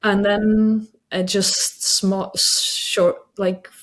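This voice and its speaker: A woman in her thirties from the Czech Republic with a Czech accent, telling her story slowly with many pauses and fillers. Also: medium pitch, level tone. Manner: hesitant, many fillers, reflective. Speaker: patient sharing her story. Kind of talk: personal testimony interview.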